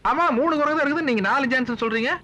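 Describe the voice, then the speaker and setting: A man playing a cheeky driver in a comedy sketch, answering with deadpan replies. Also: very high voice, rapid-fire. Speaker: comic driver.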